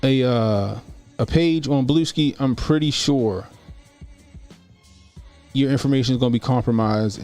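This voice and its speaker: A YouTube host in his forties gives casual livestream commentary, speaking informally and repeating phrases for emphasis. His voice is medium in pitch with a darkish tone.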